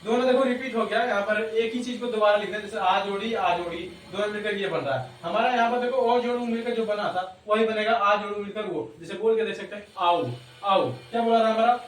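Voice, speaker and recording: A man teaching a grammar lesson step by step, pausing to check with his students and laughing at himself now and then. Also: sits high, fairly even intonation. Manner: explains step by step, repeats "ठीक ना", laughs at himself. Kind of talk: classroom lesson explaining to students. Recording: echoey room, distant mic, faint noise.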